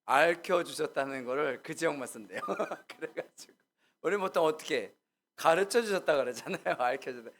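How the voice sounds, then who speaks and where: A man's voice: fairly high pitch, lively intonation, normal speed, a bit bright. Casual storytelling male pastor. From Gyeongsang region. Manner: casual storytelling, asks the congregation questions and acts out quotes. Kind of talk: conversational sermon.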